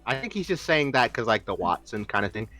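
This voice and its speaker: A woman's voice: extremely low pitch, sing-song, quick pace, fairly bright tone, faint music behind. A woman joining a casual fan-game read-through, dry and teasing in her replies. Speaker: co-host guest.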